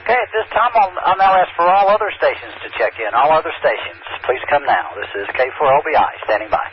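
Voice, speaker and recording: A man acting as net control on a ham radio check-in net, heard through a radio transmission with static, calling for stations and reading call signs back in a steady, procedural way. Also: on the high side, fast talker. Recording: muffled radio audio with faint static.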